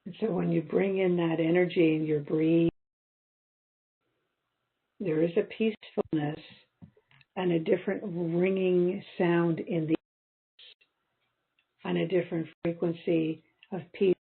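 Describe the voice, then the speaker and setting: A woman healer speaks in a low, gravelly voice with a deeply husky edge, her soft, slow guidance breaking up as the stream drops out. The call line is thin and phone-like, the sound choppy and degraded. It has the feel of a spiritual reading carried over a weakening connection. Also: steady tone. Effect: online call audio cutting in and out, dropping quality. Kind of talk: slow guided meditation.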